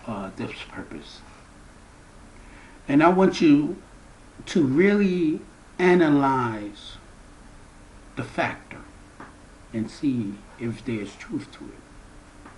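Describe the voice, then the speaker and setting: A man's voice: sing-song, slight background noise, rough recording. A man who founded a spiritual movement gives a spiritual address to his viewers, preaching with strong emphasis. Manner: slow, emphatic preaching with big swings in pitch and loudness.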